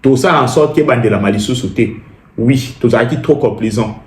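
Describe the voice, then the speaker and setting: A man's voice: mid-range voice, fairly quick, darkish tone, echoey room. A Congolese man commenting emphatically, repeating phrases and switching between languages. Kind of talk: impassioned spoken commentary.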